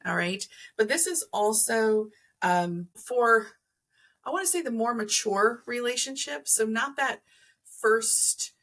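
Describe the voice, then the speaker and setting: A woman with a higher-leaning, slightly bright voice and lively intonation speaks slowly as a guest on a podcast. As an energy healer, she explains crystals and chakras in a conversational way, rephrasing while she thinks aloud.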